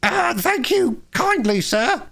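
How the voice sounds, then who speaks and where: A man voicing a boastful, reckless male toad disguised as a washerwoman, with a high, feeble put-on voice that swells into loud swaggering boasts. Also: sing-song, slow, vocal fry, heavily acted.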